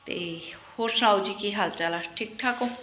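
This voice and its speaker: A woman's voice: medium pitch, normal speed, fairly bright tone, echoey room, a little hiss or hum. A woman with a Punjabi accent chatting casually in a home vlog, teasing and laughing often as she talks. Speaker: vlogger.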